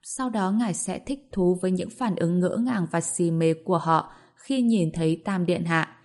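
A woman narrating a fantasy novel aloud in an even, storytelling manner. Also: on the low side, normal speed. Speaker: audiobook narrator.

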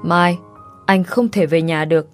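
A woman reading a gruff, curt young husband. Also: fairly low pitch, fairly even intonation, a little slow, faint music behind, lightly acted. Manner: curt, rough-spoken.

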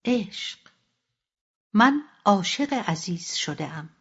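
Quiet, steady wife in a storybook, middle-aged, husky softness, read by a woman, muffled audio. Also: mid-range voice. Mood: calm. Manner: calm, quiet, soft-spoken. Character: calm, resolute middle-aged wife in love. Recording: dull lo-fi audiobook recording.

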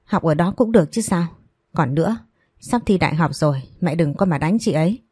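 A defiant young man pleads and pushes back in a low, dark voice, as a woman reads his lines in a storybook drama. The voice is dry and close to the mic. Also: animated, fairly quick, husky, no echo. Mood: defiant pleading. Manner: pleading, then gritting out words.

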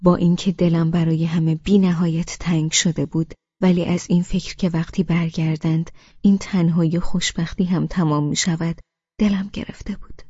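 A woman reading a novel aloud in a soft, hushed first-person narration. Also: fairly low pitch, level tone, husky, dry recording. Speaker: audiobook narrator. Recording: dull, dry studio audiobook.

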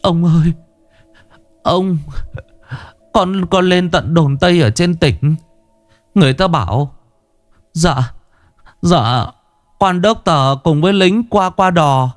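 A man's voice: lively intonation, measured pace, no echo, soft background music. A man voicing a skinny young male servant, groveling and stammering in fright. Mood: frightened pleading. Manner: stammering, pleading, high-pitched.

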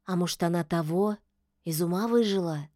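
A woman's voice: mid-range voice, slow, a little mellow, dry recording, clean studio sound, voice pushed up, close to an everyday voice. A woman voicing a timid, sly talking tomcat who mutters and purrs. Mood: grumbling. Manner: muttering, purring.

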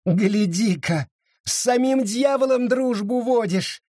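A man's voice: no room sound, studio quality. A man voicing a raving, cursing madwoman. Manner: shrill, slow, raving curses. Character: deranged bitter woman, shrieking curses.

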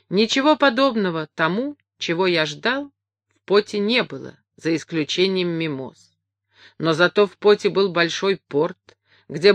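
A woman reading a memoir aloud as an audiobook narrator, measured and expressive. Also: lowish voice, dry recording. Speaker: audiobook reader.

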